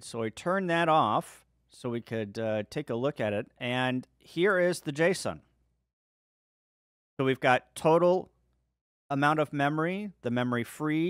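Man giving a dry-sounding software walkthrough. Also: medium pitch, no echo. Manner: relaxed step-by-step walkthrough. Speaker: ham radio video host. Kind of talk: screen-share software tutorial.

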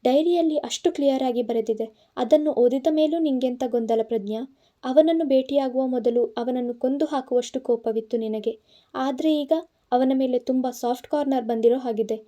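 A woman's voice: high voice, normal speed, warm tone, lightly acted. A woman reading the part of an angry, protective young man in an audiobook, scolding and insistent. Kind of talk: audiobook narration.

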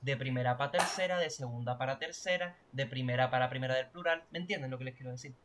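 A man's voice: medium pitch, quick pace, noisy background. A man teaching a language class online, explaining grammar and often checking that students follow. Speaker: Portuguese teacher.

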